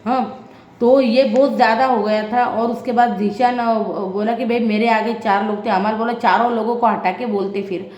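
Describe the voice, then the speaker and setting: A woman's voice: on the high side, fairly even intonation, moderate pace, darkish tone, roomy sound, dull audio. A woman recapping a reality show in a dramatic vlog, acting out what others said. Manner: dramatic, mimics other people's lines. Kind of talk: animated recap, acting out quotes.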